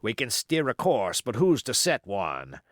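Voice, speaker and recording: In a studio-quality, echo-free audiobook recording, a man with a medium-pitched voice and huge pitch swings speaks a little slowly as a sly, boastful, commanding pirate cook. His emphatic, rustic seafaring speech sounds scornful and exasperated.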